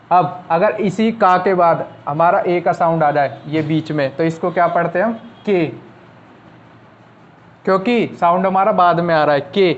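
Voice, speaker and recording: A man teaching a shorthand lesson, patiently repeating each rule step by step. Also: high-pitched. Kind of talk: classroom lesson explaining at a board. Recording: slightly dull lo-fi recording with faint noise.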